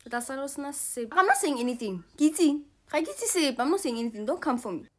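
A woman's voice: high voice, animated, fairly quick, a bit bright. A young South African woman with a South African accent giving a casual, teasing comic monologue. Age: young adult. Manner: chatty, teasing, mixing in local phrases.

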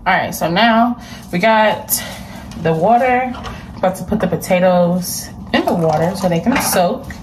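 This cooking vlogger, a young woman in her twenties, speaks in a lowish, animated voice and an unhurried manner, chatting straight to viewers as she cooks in her home kitchen. A camera across the room records her on a distant mic, picking up kitchen echo, slight background noise and the clatter of dishes and pots.

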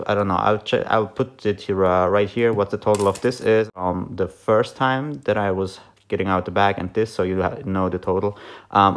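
A man with a fairly low voice narrates a treasure-hunting vlog. He speaks casually and off the cuff, rambling a little and hesitating as he goes. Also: clear, resonant tone. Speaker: treasure-hunting video host.

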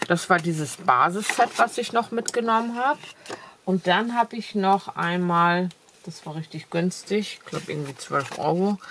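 Fairly low and gravelly yet fairly bright, this woman's voice comes through with slight background noise. She's a crafting vlogger with a cold, filming a casual haul video from a camera above her desk that shows just her hands. She chats enthusiastically about her craft supplies, using many fillers.

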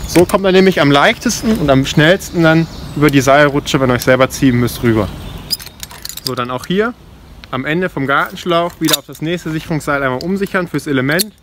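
A man's voice: a little high, fairly quick. Young man instructing over outdoor noise. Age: 20s. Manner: informal, explanatory. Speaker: climbing park safety instructor. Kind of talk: spoken safety briefing with demonstration. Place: outdoors in a forest ropes course. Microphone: camera mic a few steps away. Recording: clear outdoor noise, passing vehicles, clinking gear.

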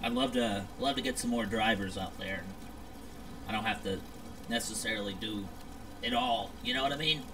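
A man's voice: on the low side, wildly swooping pitch, normal speed. A man making friendly, polite small talk in character during a casual online game role-play. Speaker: player acting as a pizzeria owner. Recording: clear background noise.

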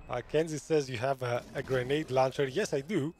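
A man's voice: medium pitch, measured pace, darkish tone, a little hiss or hum. A man giving live commentary on a game stream, chatty and often laughing, reading viewers' comments aloud. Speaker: gaming streamer.

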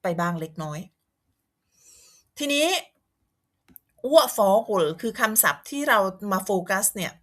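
A woman's voice: mid-range voice, sing-song, slow pace, pauses often, a bit bright. A woman from Thailand teaching a language lesson, explaining vocabulary patiently and repeating words to model how they sound.

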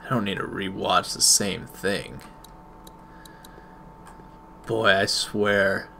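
Slow, gravelly male game commentator. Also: low-pitched, steady tone, pushed and bright, slight background noise. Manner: muttering to himself, mild exclamations. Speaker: video game player commentator. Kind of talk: casual let's-play commentary. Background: video game sound.

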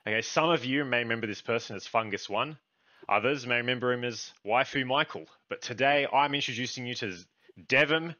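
A man's voice: mid-range voice, a little fast, sharp tone, no echo. A young man hosting a casual gaming video, talking loosely to viewers and swearing offhandedly. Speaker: YouTube host. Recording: dull lo-fi sound.

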